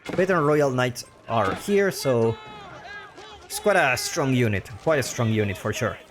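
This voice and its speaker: A man's voice: medium pitch, animated, a little slow. A man with a Spanish accent, a native Spanish speaker, casting a strategy game match live and repeating his own phrases as he talks. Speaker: game caster.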